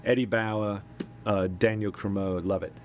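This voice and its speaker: A man's voice: lowish voice, fairly even intonation, a little hiss or hum. A middle-aged man co-hosting a podcast, chatting casually and hesitantly, with many ums and restarts. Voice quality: halting, lots of ums and repeats. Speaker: podcast co-host. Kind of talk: casual chat.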